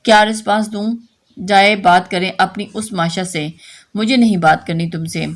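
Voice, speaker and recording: Devoted, pouting young girlfriend in an audio novel, read by a woman narrator; mid-pitched. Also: steady tone, normal speed, lightly acted. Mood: sulky.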